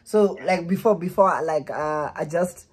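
His voice sits on the high side, a little slow with a breathy edge: a man in his twenties, a vlogger pulling a prank call. Recorded close up in a small room, he's casual yet hesitant, repeats himself and pleads.

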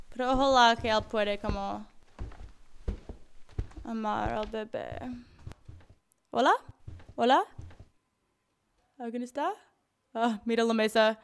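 A woman's voice: on the high side, creaky, a little hiss or hum. A woman commenting as she plays a horror game, reading notes aloud and reacting with gasps and screams. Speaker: gamer playing a horror game.

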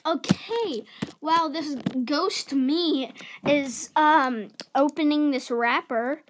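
A woman's voice: high voice, takes it slowly, a little hiss or hum. A woman voicing a playful toy skit, talking breezily and dropping into whispered asides. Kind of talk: playful toy play-acting.

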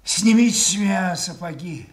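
An actor playing a mad old king, imperious and bitterly rambling, with deliberate, mocking declamation in a classical radio tragedy. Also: high-pitched, close to an everyday voice. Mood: bitter raving. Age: older. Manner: declamatory, deliberate, shifting between mockery and command.

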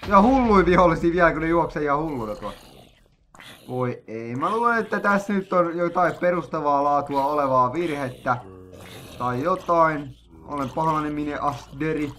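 A young man, an excitable, jokey gaming host narrating a let's play, with sudden loud outbursts. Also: a little high, a little hiss or hum.

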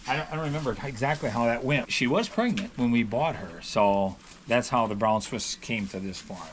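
A middle-aged dairy farmer talks casually, circling back and restarting his sentences as he thinks aloud. His voice sits at an ordinary pitch. A faint background hum runs under the recording. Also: brisk. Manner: rambling, with many restarts and hedges. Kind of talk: casual storytelling. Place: on a farm, near calves.

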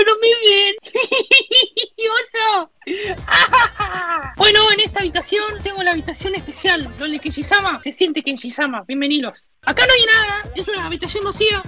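Una lata de tomate macho, presumida y solitaria, interpretada por una mujer, habla con acento argentino en un sketch cómico de recorrido por su casa. La voz es altísima y muy brillante, descarada, y cambia de la fanfarronería a la autocompasión burlona. Se oye una música suave de fondo. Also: female voice, very high-pitched, pushed and bright. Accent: Argentine Spanish. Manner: cheeky, boastful, self-pitying jokes, sudden yelps. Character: boastful lonely male talking tomato can, childish. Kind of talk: comic house-tour sketch.

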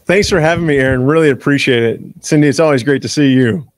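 A man's voice: mid-range voice, fast, dry recording. A Canadian man in his thirties, a guest band director, chatting eagerly in a loose, rambling way with many restarts. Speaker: university director of bands, guest. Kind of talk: casual interview chat.

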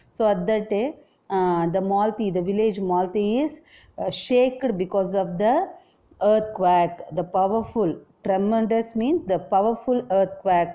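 Slow, mellow woman teaching. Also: medium pitch. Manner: explanatory, repeats and rephrases points. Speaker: English teacher. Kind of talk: school lesson explanation.

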